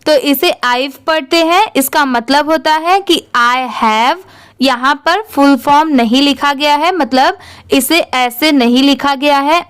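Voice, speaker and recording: A woman's voice: high-pitched, a bit bright, no room sound. A woman teaching English reading in Hindi, with an Indian accent. She spells each word letter by letter and then answers her own questions. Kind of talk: slow spelling-out lesson.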